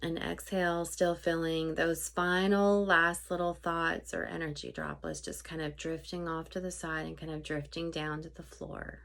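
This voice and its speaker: A woman leads a guided meditation informally and without a script, her conversational phrasing halting and trailing off softly. Her voice sits low.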